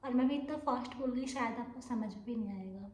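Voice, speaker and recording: A high-voiced young woman rambles through a casual vlog update while she is feeling unwell. She pokes fun at her own muddled talk and keeps losing her thread. The room around her is noticeably echoey. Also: mellow. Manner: rambling, self-mocking, mixes Hindi and English; says she talks very fast. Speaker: vlogger.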